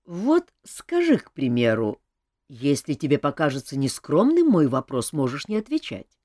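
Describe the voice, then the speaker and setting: A woman voicing a gruff, commanding male king who grumbles and bosses people around. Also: low voice, huge pitch swings, normal speed, a little mellow, no room sound, studio quality, heavily acted. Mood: relaxed.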